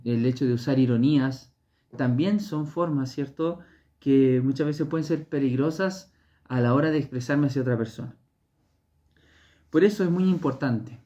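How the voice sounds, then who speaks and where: A Chilean-accented man preaches a sermon in a calm, unhurried way, often repeating a word and pausing on fillers as he searches for the next phrase. His voice is mellow and soft-edged. The sound is dull and lo-fi, like an online church stream. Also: medium pitch. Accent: Chilean Spanish. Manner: measured, repeats words, hesitant fillers.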